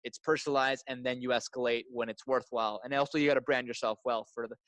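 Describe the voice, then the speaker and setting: Fast-talking enthusiastic young entrepreneur. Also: male voice, mid-range voice, steady tone, a bit bright, dry recording, rough recording. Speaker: guest, entrepreneur. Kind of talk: casual interview chat.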